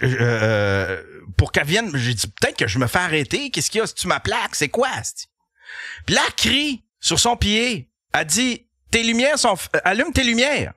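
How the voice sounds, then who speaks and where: Animated high-voiced Québécois man telling a story. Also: breathy edge, no echo, studio quality. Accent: Québécois French. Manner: animated, profane, laughing through the story. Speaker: podcast host. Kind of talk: comic storytelling.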